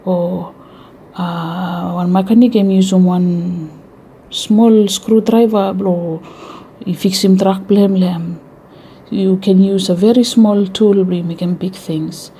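Mellow Vanuatu woman speaking Melanesian pidgin. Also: mid-range voice, fairly even intonation, slow pace, slight background noise. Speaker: radio show host. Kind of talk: informal educational radio talk.

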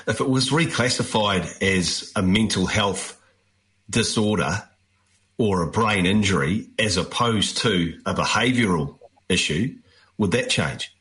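A man asking measured interview questions. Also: lowish voice, expressive, fairly bright tone.

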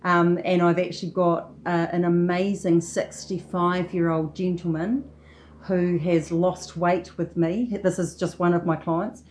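A woman's voice: fairly low pitch, flat delivery, measured pace, darkish tone, a little hiss or hum. A woman talking casually as an interview guest about her own work as a trainer.

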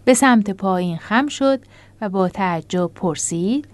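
A woman hosting a radio show and narrating a children's story gently. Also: medium pitch, lively intonation.

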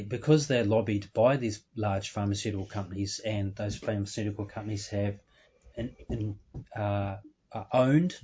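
Low, husky New man. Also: a little mellow, dull audio. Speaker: interview guest. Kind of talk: casual interview talk.

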